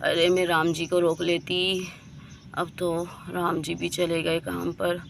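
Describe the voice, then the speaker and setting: A woman's voice: on the low side, completely flat delivery, slow, creaky, slight background noise, pitched below the performer's own voice. A woman voicing a young village housewife sick with pain, speaking weakly. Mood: suffering.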